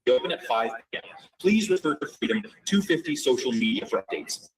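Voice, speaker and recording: Man, outdoor loudspeaker announcement, distant, slightly high voice, very sing-song, formal, repetitive. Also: big pitch swings, fairly quick. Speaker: fairground announcer. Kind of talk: recorded public announcement. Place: outdoor fairground. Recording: distant loudspeaker heard from far off.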